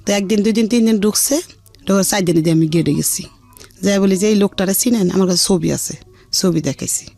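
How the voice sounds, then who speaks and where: This middle-aged woman, a guest on a radio show, speaks colloquial Dhaka Bengali in a creaky, mid-range voice at a fairly quick pace. She recounts her life earthily and without polish, animatedly acting out what people said, over background music.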